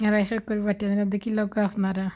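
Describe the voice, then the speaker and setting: A woman's voice: medium pitch, completely flat delivery, fast, warm tone. A woman with a Sylheti accent, chatting casually through a cooking vlog and explaining each step as she grinds ingredients. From Sylhet, Bangladesh. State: feeling unwell. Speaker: cooking vlogger.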